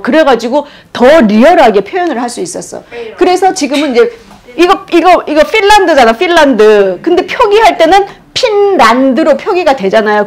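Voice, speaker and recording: Woman lecturer, high and very expressive pitch, animated, acts out sounds. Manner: animated, demonstrates pronunciations aloud, laughs often. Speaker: history lecturer. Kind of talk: explanatory lecture.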